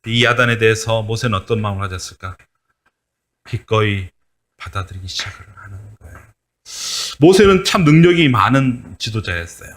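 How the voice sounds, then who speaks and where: A man's voice: lowish voice, lively intonation, normal speed, a bit bright. A man giving a children's sermon as a pastor, telling a Bible story and asking the children questions.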